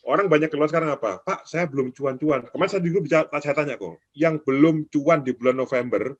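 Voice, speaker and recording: A man hosting a casual chat about trading, animated, often acting out other traders' quoted words in raised voices. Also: fairly high pitch, fast talker, dry recording, muffled recording. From Indonesia. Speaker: trading show host.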